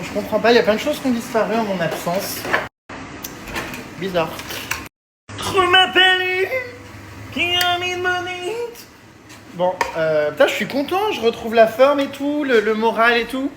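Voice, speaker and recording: A man's voice: on the high side, background noise. A man chatting casually to his viewers from his home kitchen in a vlog. He gets worked up easily, swears freely and vents at length. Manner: excitable, quick to vent and swear, chatty. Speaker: vlogger.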